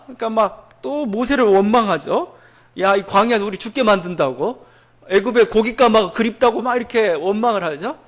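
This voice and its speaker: A man preaching a sermon as pastor, explaining a Bible passage in a conversational way with frequent fillers. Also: high voice.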